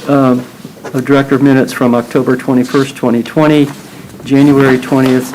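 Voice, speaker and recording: Man chairing a board meeting; mid-range voice, courteous and unhurried, slight room hiss. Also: mid-range voice, flat delivery. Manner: polite, procedural, unhurried.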